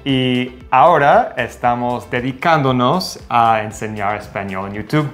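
A man's voice: medium pitch, soft background music. American man speaking careful Spanish. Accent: American English. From United States. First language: English. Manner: relaxed, halting, with fillers and restarts. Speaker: co-host, Spanish teacher. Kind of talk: casual chat in learned Spanish. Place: home kitchen. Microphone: lapel.

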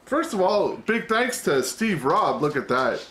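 A man's voice: on the high side, very animated, unhurried, fairly bright tone, slight background noise. A middle-aged man hosting his own channel, chatting loosely to camera at home, rambling and self-interrupting, with the odd curse word. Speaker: vlog host. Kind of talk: casual chat to camera. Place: at home, indoors.

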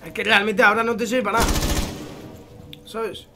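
A gaming streamer with a Spain Spanish accent and a high voice gives excitable live gameplay commentary over loud background music. He swears often and shouts quick callouts in English.

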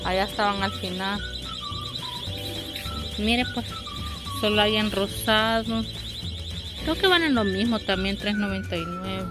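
A woman's voice: mid-range voice, a little slow, pauses often, over music. A middle-aged woman from El Salvador with a Salvadoran accent, chatting casually to viewers as she hosts a shopping vlog on a handheld phone. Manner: conversational, addresses viewers as little friends. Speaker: vlog host. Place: outside storefronts, then inside a large discount store. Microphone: handheld phone at arm's length.

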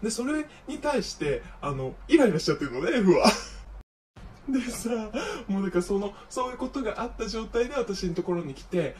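Young male vlogger, high voice, campy animated gossip, set back from the mic with faint noise. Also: moderate pace, far from the mic. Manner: animated gossip with feminine speech style, acts out friends' lines. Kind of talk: casual storytelling monologue.

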